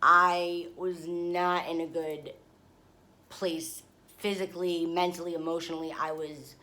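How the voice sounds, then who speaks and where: A tired young woman vlogging, casually telling a dramatic travel story with laughs and swings in pitch. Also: flat delivery, a little slow, bright, forceful tone. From New York area. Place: hotel room.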